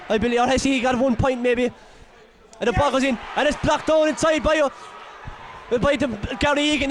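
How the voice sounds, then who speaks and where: Irish male match commentator, very high voice, partisan and excitable, shouting, voice worn from yelling. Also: slight background noise. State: nearly losing his voice. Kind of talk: partisan live sports commentary.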